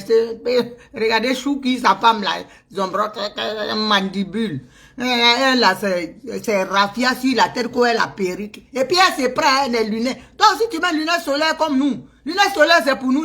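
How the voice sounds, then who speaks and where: With a fairly high, fairly bright voice, a middle-aged Ivorian French-accented woman vlogs a teasing rant. She keeps it casual and mocking, breaking into laughter frequently.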